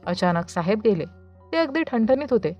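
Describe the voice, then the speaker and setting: A woman's voice: medium pitch, big pitch swings, normal speed, darkish tone, soft background music. A woman voicing a kindly, gossipy female housemaid who speaks in a confiding way.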